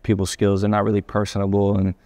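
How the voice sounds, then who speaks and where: A young man, a college athlete, answers interview questions over dinner in an easygoing way. His voice sits a little low for a man, and he often restarts and repeats words as he thinks. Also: monotone, fast talker, warm tone. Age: young adult. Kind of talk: casual interview chat. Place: indoors at a dinner table.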